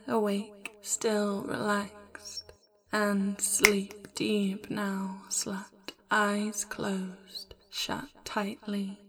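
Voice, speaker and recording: Slow whispering woman, flat and gravelly. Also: medium pitch. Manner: slow, soft, hypnotic whisper; commanding, possessive. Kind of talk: whispered hypnosis roleplay.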